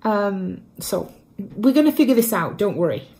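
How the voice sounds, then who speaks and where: A woman's voice: mid-range voice, big pitch swings, moderate pace, dark tone. A woman vlogger chatting casually and self-deprecatingly while she repots houseplants at home, talking to a camera propped up in front of her. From Canada. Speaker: plant vlogger.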